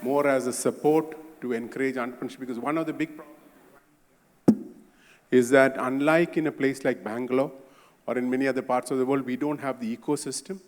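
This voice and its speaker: Man, panel, matter-of-fact, informative, mid pitch, long reverb. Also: steady tone, brisk. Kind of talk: panel discussion. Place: conference hall.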